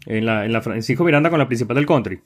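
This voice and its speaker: On a casual tech podcast, a panelist with a Venezuelan accent recalls old places, hesitating often with many fillers and restarts. His voice is medium-pitched, expressive, and very fast.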